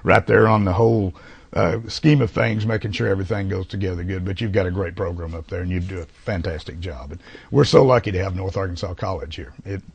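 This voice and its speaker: A male TV talk show host, hoarse from allergies, interviewing a guest in a halting way with many fillers and restarts. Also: sits low, dry recording. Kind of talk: casual interview.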